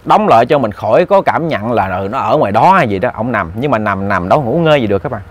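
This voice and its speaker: A man's voice: medium pitch, animated, fast talker. A man telling a ghost story in a chatty way, speaking directly to his listeners. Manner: chatty, addresses listeners directly, repeats words. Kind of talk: casual spoken storytelling.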